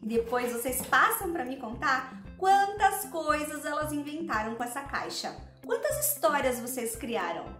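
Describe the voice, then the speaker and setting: A woman's voice: sits high, big pitch swings, normal speed, few pauses, fairly bright tone. A woman with a Brazilian accent presenting on children's play as an educator, addressing viewers directly. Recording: echoey room with music bed.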